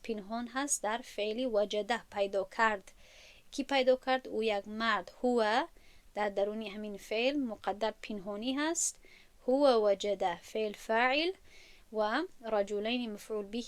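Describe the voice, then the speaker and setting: A woman teacher gives a grammar lesson, explaining patiently step by step and repeating key terms. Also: on the high side.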